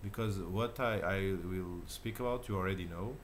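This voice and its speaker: Hesitant Portuguese-accented man, deep voice. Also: normal speed, a little hiss or hum. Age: 30s. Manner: hesitant, many fillers and restarts. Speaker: channel host. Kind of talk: casual self-recorded talk. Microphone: camera mic.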